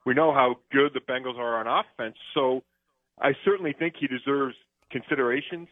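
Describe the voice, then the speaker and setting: A male football analyst, mid-range in voice and moderate in pace, talks football on sports radio with many fillers and restarts. The phone-line recording is dry, with no room sound.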